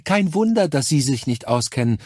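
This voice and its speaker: A man with a husky voice voicing a young female nurse who speaks with cold, falsely cheerful professional politeness. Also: medium pitch, very animated, normal speed, a little mellow, no room sound, clean studio sound, voice pushed up. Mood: gushing. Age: 20s.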